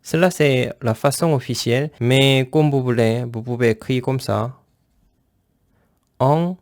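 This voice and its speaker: A man teaching a beginner language lesson, speaking slowly and patiently, repeating each syllable twice as he writes and explains step by step. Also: medium pitch, vocal fry, darkish tone, dry recording, clean studio sound. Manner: simple plain phrasing, explains step by step.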